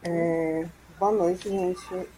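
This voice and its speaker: A woman from Salvador, speaking as a guest on a video call in a halting, thoughtful way with many restarts. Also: lowish voice, fairly even intonation, mellow, slight background noise, rough recording. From Salvador, Brazil. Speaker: guest panelist. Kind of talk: casual live-stream discussion.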